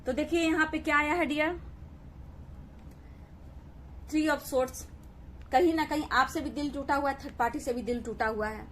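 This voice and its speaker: High-voiced woman giving a tarot reading. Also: steady tone, fairly quick, a little hiss or hum. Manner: reassuring, repeats "ठीक है" and "dear" often. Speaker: tarot reader. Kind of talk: collective tarot reading to camera.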